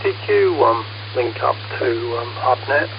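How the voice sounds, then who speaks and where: A man's voice: mid-range voice, animated, measured pace, gravelly. Man on a fading, distant radio signal. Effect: fading, distant shortwave radio signal. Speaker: radio amateur. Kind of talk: casual radio contact. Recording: noisy, muffled radio receiver.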